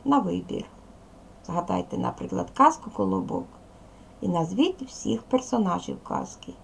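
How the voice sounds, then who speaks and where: A woman's voice: medium pitch, very animated, unhurried, gravelly, a little hiss or hum. A woman teacher giving a recorded lesson to young children, asking questions and answering them patiently.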